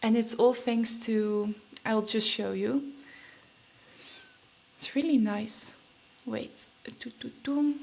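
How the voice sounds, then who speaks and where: A woman's voice: on the high side, steady tone, slow, vocal fry, long pauses. A young woman chatting casually in a vlog, a bit nervous and out of breath, with many fillers and restarts. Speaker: trading vlogger.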